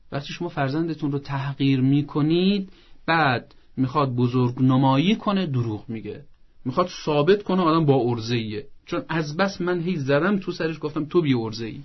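A man's voice: medium pitch, muffled recording. A man giving parenting advice on a talk show. He lays out his points one by one in a teaching manner. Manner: acts out parents' lines in a soft coaxing voice. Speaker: parenting expert guest.

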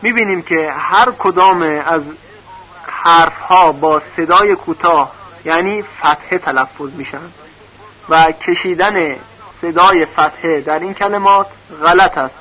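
A man teaching a recorded lesson on reading vowel marks, patiently spelling out syllables one by one. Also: on the high side. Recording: dull lo-fi recording.

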